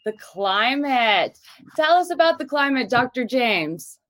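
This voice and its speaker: A woman's voice: sits high, very animated, a little slow, a bit bright, no room sound. A woman hosting an interview, welcoming guests and asking them questions in an upbeat way. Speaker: recruiter, interview host.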